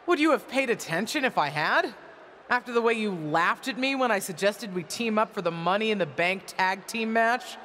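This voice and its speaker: An actress playing a bitter, proud middle-aged wrestling legend in a video game, delivering a taunting, theatrical wrestling promo. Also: female voice, mid-range voice, fairly bright tone, lightly acted. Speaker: returning wrestler, former champion and manager. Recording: arena ambience noise behind voice.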